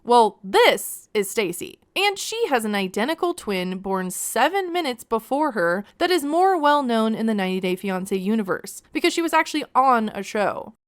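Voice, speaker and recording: Woman, reality TV recap host, high smooth voice, lively intonation, chatty, wry, gossipy. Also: moderate pace, few pauses. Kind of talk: casual scripted commentary.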